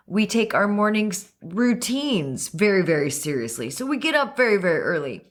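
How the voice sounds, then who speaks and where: A woman co-hosting a podcast in casual chat, hoarse this morning and gushing as she talks. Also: mid-range voice, moderate pace. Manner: lively and gushing. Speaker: podcast co-host.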